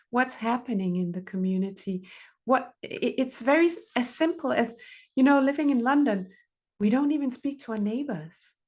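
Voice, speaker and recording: A middle-aged woman therapist, giving earnest advice in conversation and repeating phrases for emphasis. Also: on the high side. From Denmark. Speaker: relationship therapist, podcast guest.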